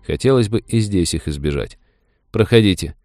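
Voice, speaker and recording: Male storyteller, low voice, steady reading, faint music underneath. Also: fairly quick, no echo, studio quality. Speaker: audiobook narrator. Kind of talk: scripted narration.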